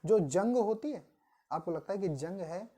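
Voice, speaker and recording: A woman teaching biology for an exam-prep class, reading English definitions slowly and explaining them in Hindi, asking the class questions and answering them herself. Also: mid-range voice, animated, mellow. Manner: addresses students as "beta". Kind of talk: online coaching lecture in Hindi mixed with English terms.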